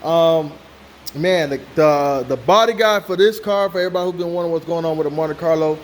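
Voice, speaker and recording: An American guy with a slightly high, brisk voice hosts a car-build channel, giving a casual vlog walkaround in a hot workshop. He keeps things conversational, checking in with viewers and repeating "you know what I'm saying." A running fan is clearly audible behind him.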